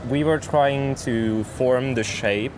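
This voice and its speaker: A man's voice: mid-range voice, takes it slowly, background noise. A young Hungarian man with a Hungarian accent, a university student answering interview questions plainly at an outdoor restaurant. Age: young adult.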